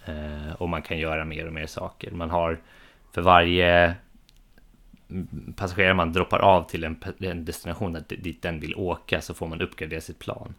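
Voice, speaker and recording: A man's voice: low-pitched, little pitch movement, a bit bright. A man in his thirties, a podcast co-host chatting casually about board games, hesitant with many fillers and restarts. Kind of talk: casual chat.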